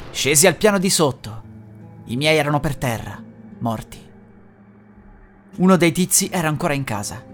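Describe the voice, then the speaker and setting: Man narrating a horror story over music. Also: mid-range voice. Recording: music bed under the voice.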